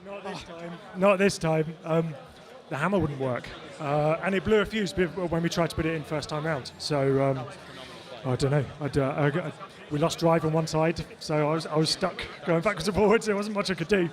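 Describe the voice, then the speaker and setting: A British man, a competitor, answering interview questions in a resigned, halting way. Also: a little high.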